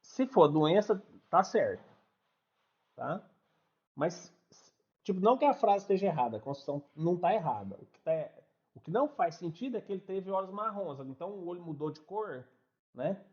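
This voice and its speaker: A man's voice: high-pitched, very animated, normal speed, a little mellow, lo-fi sound. A man teaching an online English class, explaining step by step in a chatty way and checking in with his students.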